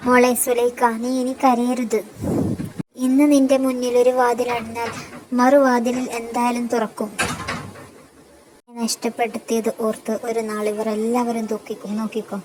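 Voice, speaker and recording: A woman voicing a caring elder sister figure who consoles gently but firmly. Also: on the high side, level tone, moderate pace, background noise, natural voice. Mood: consoling. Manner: soothing yet firm.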